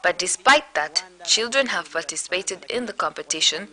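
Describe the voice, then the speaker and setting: A woman reading a formal news voice-over translation in a measured, steady way. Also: on the low side, low-quality recording. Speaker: voice-over interpreter.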